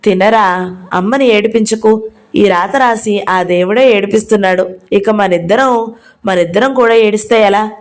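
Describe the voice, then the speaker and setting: A woman voicing an old grandmother who speaks softly and pleads gently in an audio novel. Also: medium pitch, a little slow, lightly acted.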